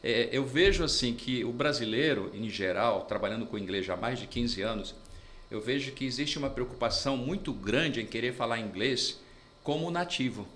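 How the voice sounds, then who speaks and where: A man with a Brazilian Portuguese accent talks as a podcast guest in a voice of ordinary pitch. He explains in an even, agreeable way, and there is a faint hiss behind him. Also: moderate pace. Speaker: interpreter and English mentor, guest. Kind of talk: casual podcast interview.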